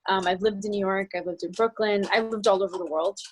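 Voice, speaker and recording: On poor audio, a woman from the New Jersey area talks fast in a mid-range, fairly even voice. She's a business coach appearing as a guest in a video call group discussion, going on earnestly and at length and restarting often.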